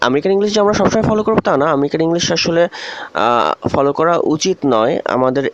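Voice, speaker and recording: A man's voice: fairly high pitch, animated, quick pace. A man from Bangladesh teaching English grammar in a recorded video lesson, often asking questions and then answering them himself. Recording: dull lo-fi recording with faint hiss.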